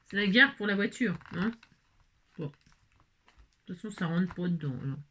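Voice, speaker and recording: A woman's voice: fairly low pitch, animated, moderate pace, fairly bright tone, husky. A woman vlogging casually as she assembles a craft kit, chatting to viewers, exclaiming and muttering to herself when pieces go wrong.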